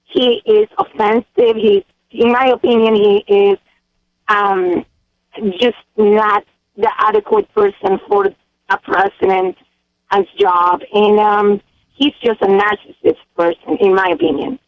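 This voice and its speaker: A woman's voice: mid-range voice, a little slow, no room sound. A woman from El Salvador calling into a radio show, speaking earnestly and hesitantly with many ums. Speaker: caller. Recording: tinny phone line.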